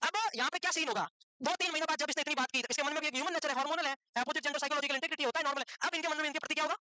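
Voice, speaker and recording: A woman's voice: high voice, very fast, no echo, low-quality recording. A woman teaching a lecture, who asks herself questions and keeps checking whether her students have understood. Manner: lively explaining with everyday examples. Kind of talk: classroom lecture.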